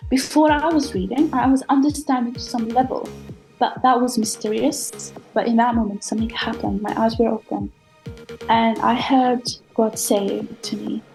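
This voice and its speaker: A woman whose first language is Arabic shares her personal testimony in an earnest, reflective way, pausing on fillers as she thinks. Her voice sits a little high for a woman, and soft music plays faintly beneath her. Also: steady tone, vocal fry, poor audio. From Palestinian, raised in the Gulf. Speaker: podcast guest.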